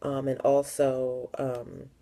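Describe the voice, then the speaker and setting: A young woman from the Philadelphia area speaks straight to the camera in a personal vlog. Her voice sits low and sounds warm and mellow. She talks frankly and leans on repeated words for emphasis. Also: little pitch movement, slow pace, vocal fry. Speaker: vlogger.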